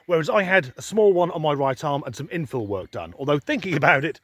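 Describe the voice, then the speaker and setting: Talking fast in a fairly high, slightly bright voice with lively intonation, an English man vlogs to the handheld camera he films himself with. The recording is dry, and his sardonic monologue is all dry, sweary grumbling.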